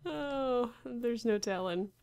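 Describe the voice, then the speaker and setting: Gravelly-voiced woman muttering through a game. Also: on the high side, slow, a little mellow. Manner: muttering to herself, unsure and wry. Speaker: Minecraft player. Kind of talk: casual gameplay commentary.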